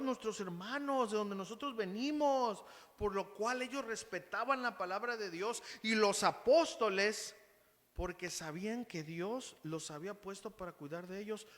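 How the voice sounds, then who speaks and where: A man's voice: high-pitched, fairly bright tone. A man with a Mexican Spanish accent preaching a sermon as pastor, speaking conversationally and calling the congregation brothers. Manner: uses quick acted quotes of others. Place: church hall. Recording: long hall reverb.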